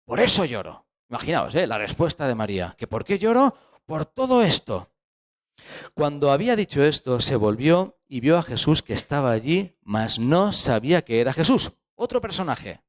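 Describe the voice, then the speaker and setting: Animated Spanish man preaching. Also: on the high side, moderate pace. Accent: Spanish from Spain. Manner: animated preaching, acts out quoted voices and rhetorical questions. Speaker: pastor. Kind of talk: sermon. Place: church hall.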